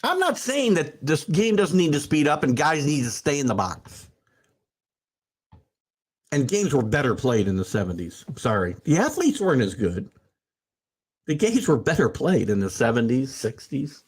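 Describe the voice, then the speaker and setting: This sports talk host, a man in his sixties, has a slightly rough voice that sits a little high, and he talks at a moderate pace. Answering viewer comments on his stream, he meanders through fillers and restarts and then rises, animated, into emphatic rants.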